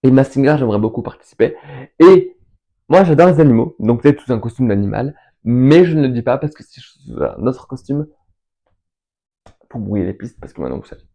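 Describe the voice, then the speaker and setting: Chatty man with a mellow voice. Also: medium pitch, sing-song. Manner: enthusiastic, rambling, lists names with pauses. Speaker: fan video host answering viewer questions. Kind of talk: casual chat.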